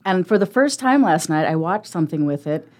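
Upbeat lady radio host, kinda low-ish voice, cheering on her guest. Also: animated, a little fast, darkish tone. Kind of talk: casual interview chat.

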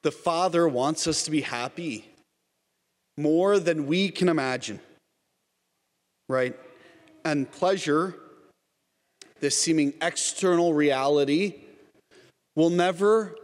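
A man preaching an earnest Lent sermon, calling his listeners "everyone" again and again. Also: on the high side. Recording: long reverb, as in a church.

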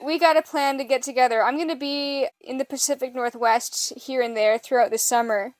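A podcast host chats casually with a friend, her high, slightly nasal voice moving fairly quickly with a steady tone. Her informal speech is sprinkled with "like" and swearing, and the recording has no room sound.

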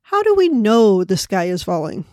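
A woman voicing a brawny male goose in a storybook reading, asking calm, sensible questions. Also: mid-range voice, moderate pace, dry recording, clean studio sound. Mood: questioning.

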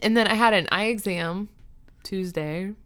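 A woman's voice: medium pitch, moderate pace, fairly bright tone. A young woman co-hosting a podcast, chatting with a dry, teasing humor and frequent laughter. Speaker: podcast co-host. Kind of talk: casual chat.

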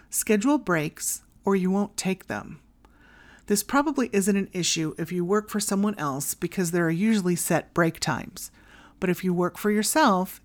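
A woman with a somewhat low voice presents a solo advice podcast. She reads from a script in a tidy, instructional manner. Her guidance comes as short, clear directives. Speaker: podcast host.

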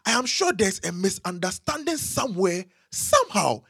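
An actor playing a pastor, a husky, pleading peacemaker who sounds preachy. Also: male voice, high voice, sing-song, moderate pace, a bit bright, dry recording, studio quality, exaggerated voice.

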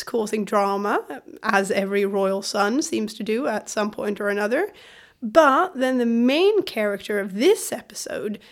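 A woman from Sweden co-hosting a podcast in a conversational way, her voice gravelly from a cold. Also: on the high side. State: has a cold. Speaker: podcast co-host.

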